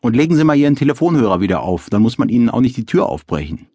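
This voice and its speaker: A man doing a loud, brisk cop. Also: mid-range voice, sing-song, husky, no room sound, voice pushed up. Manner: loud, brisk and matter-of-fact. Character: brisk male police officer with a flashlight.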